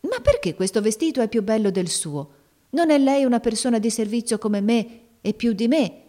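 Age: young. Figure: a timid, modest servant girl, played by a woman reader. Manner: shy, hesitant. Pitch: raised. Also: lively intonation, moderate pace, mellow, close to an everyday voice. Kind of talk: audiobook reading.

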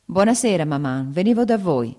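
A woman's voice: on the low side, lively intonation, normal speed, dark tone, lightly acted. A woman reading the lines of a stern, reserved young male officer in a curt, cold manner.

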